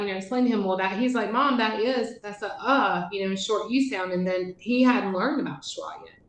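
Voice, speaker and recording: A woman's voice: medium pitch, fairly bright tone, roomy sound, low-quality recording. A woman giving a teacher training presentation in a conversational way, with frequent fillers. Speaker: literacy trainer.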